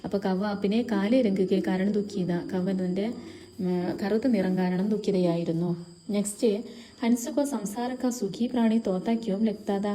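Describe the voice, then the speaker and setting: Mellow-voiced woman teaching a textbook lesson. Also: mid-range voice, fairly even intonation, normal speed. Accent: Kerala. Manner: reads Hindi words, then explains them in Malayalam.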